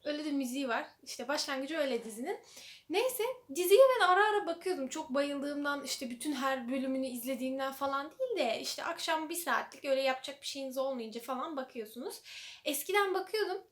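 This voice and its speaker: A woman's voice: high-pitched, lively intonation, fast talker. A young woman vlogger chatting casually about TV series, full of fillers and acting out quoted lines. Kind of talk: casual chat.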